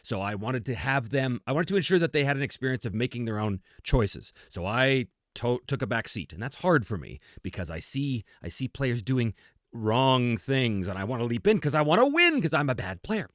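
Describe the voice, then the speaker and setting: Answering questions during a laid-back tabletop gaming talk, this host, game designer and game master comes across as emphatic, chatty and self-deprecating. His mid-range voice swings widely in pitch with a fairly bright tone at normal speed, in a dry, studio-quality recording.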